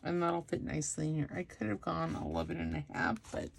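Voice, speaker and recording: A woman's voice: sits low, big pitch swings, quick pace, creaky, noisy background. A middle-aged woman hosting a casual craft tutorial, chatting and making self-deprecating asides as she works at her table. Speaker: craft channel host.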